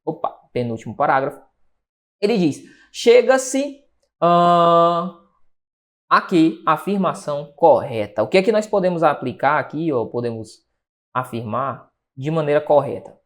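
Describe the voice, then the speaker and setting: A man with a Brazilian Portuguese accent teaching an online exam-prep grammar lesson, lively and chatty, often pausing to check in with his students. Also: on the high side. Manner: lively, chatty, keeps asking rhetorical check-in questions.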